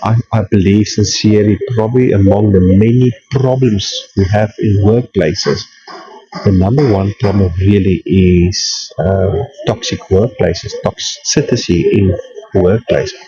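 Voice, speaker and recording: A middle-aged man hosting a podcast, his voice thick and husky from a flu, talking in a coffee shop and explaining with rhetorical questions. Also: unhurried, dark tone, muffled recording, faint music behind. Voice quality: deep, husky from a cold. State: congested with a flu. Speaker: podcast host. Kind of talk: casual talk to camera.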